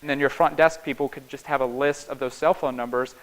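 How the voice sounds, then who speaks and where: Speaking live before an audience, a security penetration tester from small-town North Carolina delivers a relaxed, folksy conference talk, his Southern Appalachian accent clear as he keeps checking in with "right?" and "okay?". His medium-pitched voice is steady and brisk, captured in a low-quality recording.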